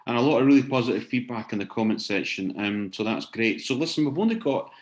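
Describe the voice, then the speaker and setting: A man with a medium-pitched, animated voice talks at a quick pace as he closes an online seminar he's hosting. His informal remarks to attendees over video are hesitant, with words often repeated as he searches for what to say.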